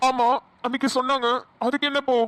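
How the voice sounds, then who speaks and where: Cartoon: a soft-spoken young lover, Namakkal Tamil accent, high and bright. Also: female voice, flat delivery, fast, dry recording. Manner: soft, concerned. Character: gentle caring young male lover.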